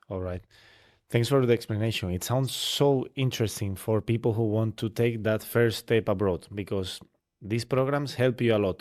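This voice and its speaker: A podcast host with a fairly low, slightly mellow voice conducts a casual interview. He's chatty, summing up what his guest said before asking long follow-up questions.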